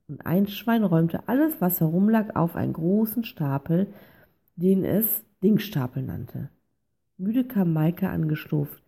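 Female storybook narrator, warm dark tone, gentle delivery. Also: fairly low pitch, creaky, slightly rough. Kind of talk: reading a children's story aloud.

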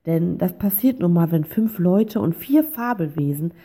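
Female storybook narrator, warm dark tone, gentle delivery. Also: on the low side, animated, moderate pace. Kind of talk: reading a children's story aloud.

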